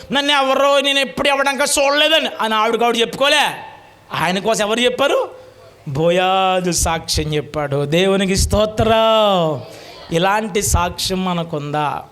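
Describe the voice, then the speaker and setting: A male preacher giving an animated, colloquial sermon full of joking asides to the congregation. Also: sits high.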